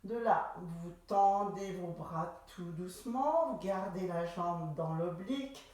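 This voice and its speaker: A woman teaching a Pilates class, giving calm, unhurried cues about breathing and posture. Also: fairly low pitch. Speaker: Pilates instructor. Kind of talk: guided exercise class instruction. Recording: very echoey room.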